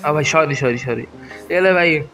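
An excitable young Indian man talks through his gameplay, pleading and yelling at the monsters on screen. His voice sits a little high for a man. Faint music plays beneath him. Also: normal speed. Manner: excitable, shouts at game mobs, pleading bursts. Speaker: gaming YouTuber. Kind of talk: gameplay commentary.

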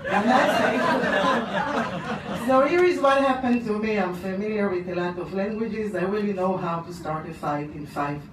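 A middle-aged woman with an Israeli accent, telling a personal story on stage with lively gestures. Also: medium pitch, unhurried, a faint crowd. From Poland. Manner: animated, gesturing, with audience laughter. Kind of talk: live storytelling. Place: small dark room, on stage. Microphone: handheld mic on stand, far camera. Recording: roomy, from far off, noisy.

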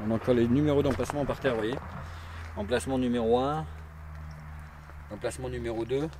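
With a mid-range, darkish voice and fairly even intonation, a man in his forties speaks briskly over slight background noise. He's an urban explorer vlogger walking an abandoned burned campsite outdoors, casually chatting to a handheld or chest action camera and rambling with lots of fillers and repeats.

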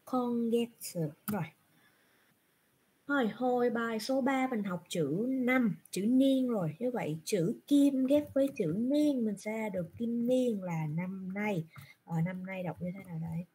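Mellow, breathy woman teaching a class. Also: fairly high pitch, unhurried. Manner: patient, asks and answers own questions. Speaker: Japanese teacher. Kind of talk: online class lecture. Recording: screen recording from a browser.

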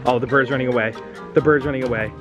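A man's voice: medium pitch, fairly even intonation, racing, highs cut off, over music. A young man chatting casually to his viewers and his puppy in a vlog. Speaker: vlogger.

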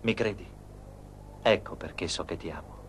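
A man's voice: low voice, moderate pace, slight background noise. A man voicing a passionate young male professor who declares his love, in a dubbed telenovela. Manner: pleading, passionate. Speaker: romantic lead.

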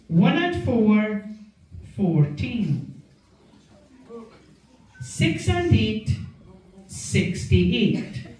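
Older female bingo caller: very slow, sing-song number calls, heard distantly in a heavily echoing hall. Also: mid-range voice, warm tone. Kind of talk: bingo calling, numbers announced digit by digit. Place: large indoor function hall full of bingo players. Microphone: PA system picked up by a distant camera. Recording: echoey hall PA from far off, room noise.

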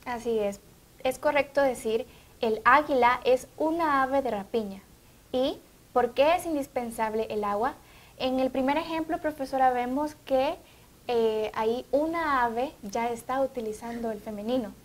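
Bright Honduran co-host with a higher voice. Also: female voice, moderate pace. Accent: Honduran Spanish. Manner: bright, announcing, reads questions. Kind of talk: educational TV talk.

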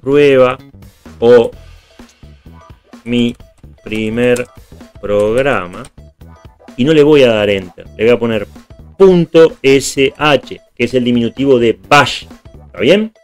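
A man's voice: mid-range voice, slow, long pauses, clean tone, soft background music. A man teaching programming step by step in a screen tutorial, often checking that viewers follow. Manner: patient, step by step, checks in with "¿está bien?".

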